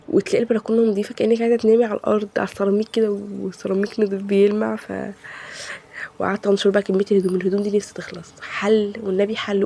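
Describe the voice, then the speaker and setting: A woman's voice: mid-range voice, vocal fry, mellow, slightly rough. A woman with an Egyptian accent and a cold, talking casually in a vlog voice-over and venting in heated rhetorical questions. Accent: Egyptian Arabic. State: has a cold. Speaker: home vlogger.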